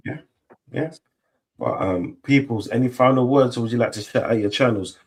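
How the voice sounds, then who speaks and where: A man's voice: medium pitch, normal speed. A man hosting a casual fan chat in a matey, agreeable, slangy way. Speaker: host of a football fan show.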